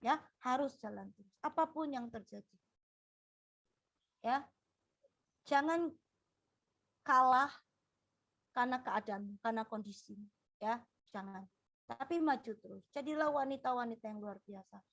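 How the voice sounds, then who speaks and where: A woman's voice: on the high side, unhurried, creaky, long pauses, fairly bright tone. A middle-aged woman giving a firm, admonishing sermon-style lecture to ministry students, tagging her sentences with a frequent "ya". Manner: firm, admonishing, repeats "ya" often.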